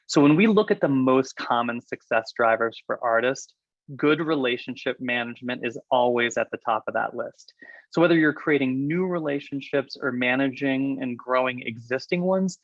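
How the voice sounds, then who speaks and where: A man talks quickly through a software demo in a chatty, explaining way, and his voice sits in the middle range. The sound is dry and a little dull, like a computer mic on a video call. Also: medium pitch, dry recording. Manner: fast, chatty, explanatory with fillers. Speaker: product presenter. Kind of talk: webinar software walkthrough.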